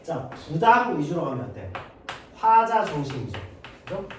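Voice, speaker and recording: Animated man teaching in an echoey room. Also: a little high, unhurried. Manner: lively, acts out student dialogues. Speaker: Korean literature teacher. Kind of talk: exam-prep lecture. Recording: echoey room, mic at a distance, faint hiss.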